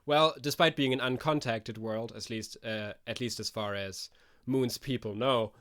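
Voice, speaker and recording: A man's voice: mid-range voice, a little slow, a bit bright, slight background noise. A man narrating as game master of a tabletop role-playing game, thinking aloud with many restarts.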